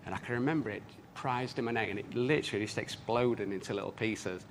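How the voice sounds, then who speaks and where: A man's voice: lowish voice, quick pace, a little hiss or hum. A man, telling a personal story in an earnest way. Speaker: speaker.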